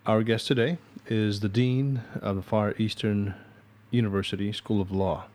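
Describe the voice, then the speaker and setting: A man with a Filipino accent hosting an interview podcast, giving a formal, measured introduction of his guest. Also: fairly low pitch, steady tone, darkish tone. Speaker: podcast host.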